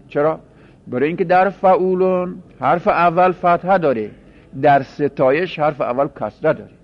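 A man teaching a grammar lesson in a measured classroom lecture, repeating phrases and posing rhetorical questions he then answers. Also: a little high. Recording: dull lo-fi recording.

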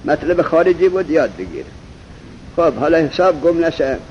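A man's voice: fairly high pitch, very animated, a little mellow. Man teaching a class on a dull recording. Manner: quizzes students, drawls example words slowly. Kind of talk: seminary-style grammar lesson. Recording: dull lo-fi recording with faint noise.

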